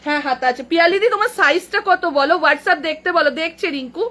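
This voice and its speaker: A woman running a live clothing sale, briskly calling out prices over and over and chatting with helpers and viewers through an earbud mic. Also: very high-pitched, pushed and bright. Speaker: boutique owner selling clothes live. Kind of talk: live sales patter.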